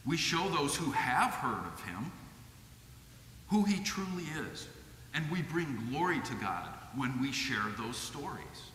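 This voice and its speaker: A middle-aged man with a Midwestern American accent delivers a sermon from a lectern microphone in a measured, earnest manner. His voice has a bright tone and reaches the mic with a long church reverb and a faint hum of ambience behind it. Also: on the high side, sing-song. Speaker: lay preacher. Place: church sanctuary with stained glass. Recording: echoey church hall.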